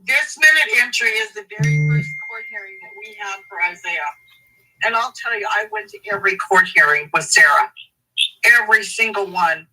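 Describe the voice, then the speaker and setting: A woman advocate in an interview, speaking emphatically and indignantly, slowing down to stress key words. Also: medium pitch, expressive, bright, forceful tone, distant mic, a little hiss or hum, low-quality recording. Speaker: advocate for a family in a custody case. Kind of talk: interview guest, reading court documents.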